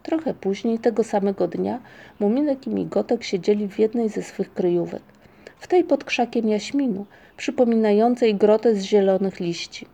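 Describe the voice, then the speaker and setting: A woman reads a children's story aloud with a mellow, soft tone. Her narration is measured and expressive, at a middle pitch. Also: gravelly. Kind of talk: audiobook storytelling.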